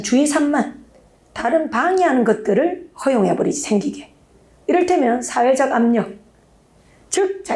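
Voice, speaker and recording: High-voiced, emphatic woman lecturer. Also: dark tone. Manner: emphatic, peppers talk with rhetorical check-ins. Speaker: English exam instructor. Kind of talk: exam-prep lecture. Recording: echoey room.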